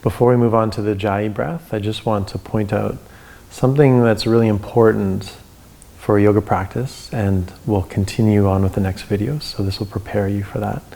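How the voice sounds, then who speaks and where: A man giving guided breathing instruction as a yoga teacher, in calm, measured steps with pauses between short cues. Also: lowish voice, gravelly.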